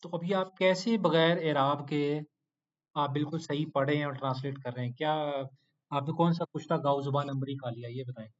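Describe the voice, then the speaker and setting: A man with a fairly high voice teaches an online Quranic Arabic class. He quizzes his students with short prompts and coaxes answers out of them. He playfully scolds them into doing their homework, and the lo-fi audio sounds a little muffled. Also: brisk.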